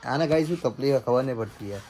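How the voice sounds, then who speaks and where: A man's voice: mid-range voice, very fast, over music, rough recording. A man running a small shop, chatting casually to his viewers and showing off his stock. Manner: chatty, keeps addressing viewers as guys. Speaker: shopkeeper vlogger. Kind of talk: casual vlog commentary.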